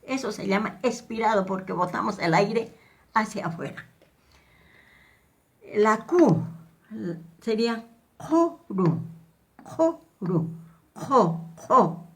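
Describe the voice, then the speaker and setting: A woman teaching a language lesson, slowly repeating syllables and words for students to copy. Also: mid-range voice. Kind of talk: slow spoken language lesson with drills.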